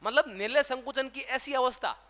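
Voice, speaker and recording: A man's voice: extremely high pitch, moderate pace, bright, forceful tone. A man teaching a classroom lecture with a Rajasthani Hindi accent, who keeps asking questions and answering them himself. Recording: long hall reverb.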